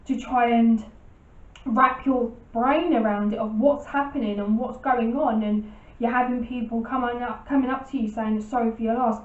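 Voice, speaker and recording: Late-20s woman vlogging her story, emotional and heartfelt, kinda high voice, sounds far off and a bit muffled. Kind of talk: personal story-time vlog. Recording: roomy, distant, dull sound.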